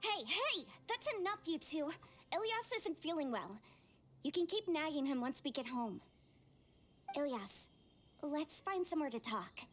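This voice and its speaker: A protective young sister in a game. Her voice is high and she talks casually and frankly, with care. There is slight background noise. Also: very animated, unhurried, a bit bright, heavily acted. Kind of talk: scripted game voice acting.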